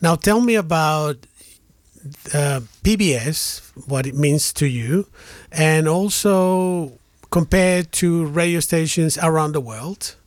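A man's voice: fairly high pitch, slow, dry recording, clean studio sound. A man hosting a radio show, talking in a friendly way that often stumbles and restarts sentences. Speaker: radio host. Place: radio studio.

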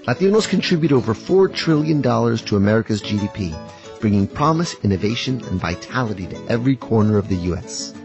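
A man's voice: lowish voice, expressive, fairly quick, dull audio, over music. A man reading a scripted public-service announcement as a commercial announcer.

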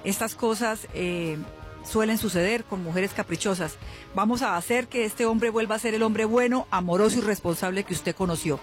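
A music bed sits behind a woman hosting a live call-in radio show, where she works as a spiritual healer doing psychic consultations and promotion. She addresses callers in a familiar, soothing way, using a mid-range voice at normal speed.

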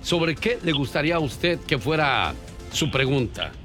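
A playful radio host runs a prank segment with mock-serious showmanship. His voice sits a little high and swings widely in pitch. A music bed runs throughout. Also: lively intonation, unhurried. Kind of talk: comic radio prank bit.

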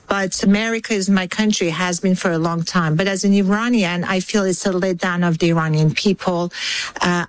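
A woman's voice: fairly low pitch, clear, resonant tone, poor audio. An older woman from Iran, a guest analyst answering interview questions in a thoughtful, hesitant way, often restarting her phrases.

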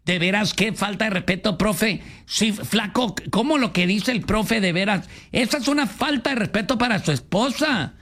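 A man's voice: high voice, expressive, normal speed, few pauses, a bit bright. A man with a Mexican accent hosting a comedy radio show, joking and reading listener messages aloud. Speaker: radio host. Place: radio studio.

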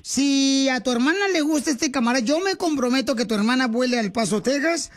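A radio host with a high voice runs a playful call-in segment. He teases his callers warmly and keeps cracking jokes. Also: animated, brisk. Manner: teasing, affectionate nicknames, jokey.

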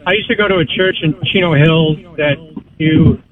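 A man's voice: on the high side, normal speed, a crowd in the background. A man calling in to a radio show, talking politely and hesitantly over a phone line. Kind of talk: casual call-in talk.

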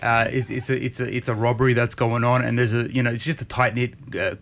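A man, a filmmaker guest in a radio interview, agreeable and halting with many fillers. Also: mid-range voice, flat delivery, a bit bright. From Australia.

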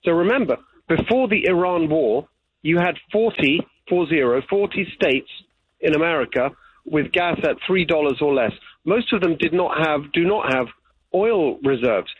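This is an Englishman campaigning for office, giving sincere replies in an interview and restating his central points. His slightly rough, higher-leaning voice has lively intonation and a normal speed, heard dry with no echo on a tinny phone line.

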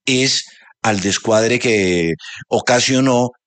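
A man's voice: medium pitch, takes it slowly, fairly bright tone, no room sound. A man explaining a policy point in a radio news discussion, thinking aloud as he goes.

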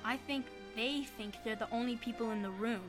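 An actress playing a sarcastic, nosy, teasing youngster in a family radio drama. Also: female voice, a little high, a little fast, loud music behind the voice, natural voice. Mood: disgusted.

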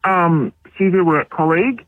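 A woman's voice: lowish voice, moderate pace, dry recording. A woman calling in to a radio show, her voice run through a voice changer to hide who she is; she sounds subdued and hesitant, with many ums. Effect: voice changer disguising the voice. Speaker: anonymous caller. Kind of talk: casual radio call-in chat. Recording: tinny phone line.

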